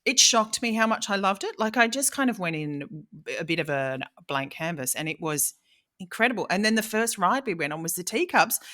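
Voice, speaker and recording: A woman's voice: mid-range voice, expressive, a little fast, bright, forceful tone. An Australian woman co-hosting a comedy podcast, chatty, enthusiastic and teasing. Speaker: podcast co-host. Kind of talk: casual comedic chat.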